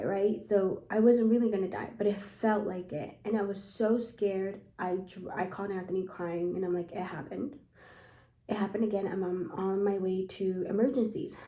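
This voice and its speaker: A young woman chats to camera in a casual storytime vlog, her voice mellow and soft-edged. She keeps dropping "like" into her sentences as she relives an anxious moment. The room around her rings with a noticeable echo. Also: medium pitch. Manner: anxious retelling, heavy use of "like". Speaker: vlogger. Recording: echoey room.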